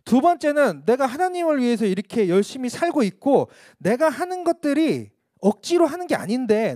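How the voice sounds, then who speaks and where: A man's voice: extremely high pitch, a little mellow, no room sound, clean studio sound. A male missionary preaching a candid testimony sermon at a church service, telling his story in a frank, self-mocking way.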